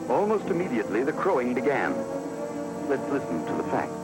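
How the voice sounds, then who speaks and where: A man's voice: mid-range voice, huge pitch swings, fairly quick, over loud music, poor audio. A man giving emphatic, declamatory old newsreel narration in 1940s style.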